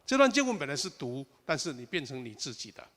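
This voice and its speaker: A man's voice: medium pitch, very animated, fast talker, fairly bright tone. A man pastor teaching at an online prayer meeting. He explains step by step and tags his sentences with a casual "ha". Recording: long hall reverb.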